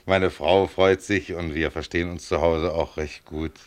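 In a German radio play, an actor voices a modest, contented tram driver around forty who chats plainly and proudly about his work in a conversational monologue. His voice sits low, steady, and near everyday speech at normal speed.

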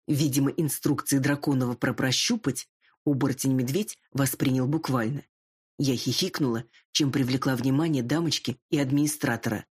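A woman's voice: rumbling low, steady tone, moderate pace, slightly rough. A woman reading a first-person audiobook with a wry storytelling manner. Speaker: audiobook narrator.

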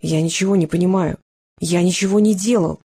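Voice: mid-range voice, fairly even intonation, fairly quick, dark tone, husky, no room sound, clean studio sound. A reader voicing a hesitant, hurt young male student in an audiobook. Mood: desperate. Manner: hesitant, then desperate. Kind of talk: audiobook character reading.

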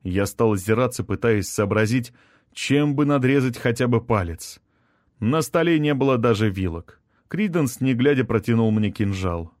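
A man narrating a first-person fantasy audiobook in a steady, measured reading. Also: mid-range voice, dry recording, studio quality. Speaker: audiobook reader.

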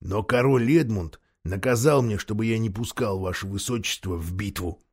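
A gruff, stubborn old dwarf with a low, quiet voice, as a man puts him on. He talks slowly and firmly, dropping well below the reader's own tone. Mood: stern.

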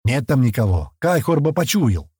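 Man doing eager boy heir, quick-tempered, raised pitch, husky, lively. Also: no echo, studio quality. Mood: urgent. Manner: eager, excitable.

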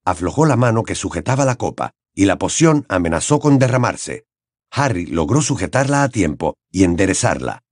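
A male audiobook narrator reading a fantasy novel in an expressive, dramatic way. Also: fairly low pitch, dry recording, studio quality. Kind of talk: scripted narration.

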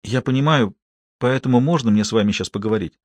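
A man reading an audiobook and voicing a tearful young woman nurse who begs softly and insistently. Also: mid-range voice, fast talker, dry recording, lightly acted. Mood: pleading. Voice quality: soft, pleading. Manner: begging and insistent. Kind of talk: audiobook character voice.

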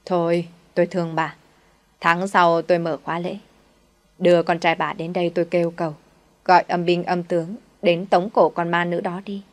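A woman's voice: on the low side, flat delivery, moderate pace, close to an everyday voice. A woman voicing a greedy, scornful middle-aged female village shaman who sneers and scolds.

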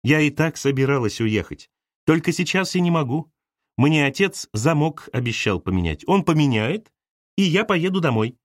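A composed woman pleading for calm, as a male storybook reader voices her, a bit higher than his own voice. dry, close recording. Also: moderate pace, no echo.

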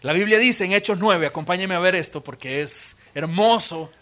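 A male pastor, high-voiced, preaching in a church auditorium. He retells scripture vividly and with drama, addressing his congregation directly. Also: normal speed, a bit bright. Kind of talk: expository sermon.

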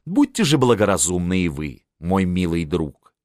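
Man doing a sly scheming count, silky and mocking, lively pitch. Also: normal speed, no room sound, clean studio sound. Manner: mocking, ingratiating. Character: sly scheming male count, smooth-tongued.

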